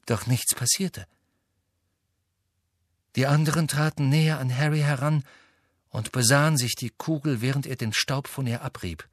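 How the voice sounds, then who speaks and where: A man reading a novel aloud as an audiobook narrator, in a measured storytelling manner. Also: medium pitch, no echo, studio quality. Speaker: audiobook reader. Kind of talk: scripted narration.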